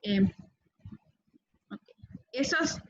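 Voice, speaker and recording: A woman's voice: drawn-out words, a bit bright. A woman teacher giving a grammar lesson to her class, patiently repeating words and checking in with "¿verdad?". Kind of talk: online Spanish grammar lesson. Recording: dull lo-fi recording.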